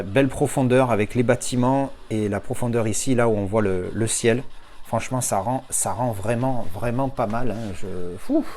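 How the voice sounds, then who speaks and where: Chatty man unboxing, quick excited outbursts. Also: medium pitch. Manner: chatty, thinks aloud, bursts of excited exclamations. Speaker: collector reviewing an unboxing. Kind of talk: casual unboxing commentary to viewers.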